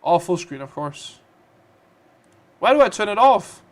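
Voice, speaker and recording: A man's voice: high-pitched, very animated, measured pace. A man with a Danish accent hosting a casual gaming livestream, chatty and playful as he reads out and answers viewer comments. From Denmark. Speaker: livestream host.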